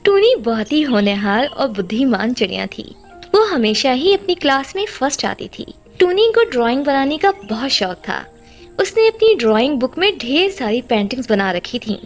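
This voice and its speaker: Brief: woman narrating a children's cartoon, lively, slightly high, faint music. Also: moderate pace.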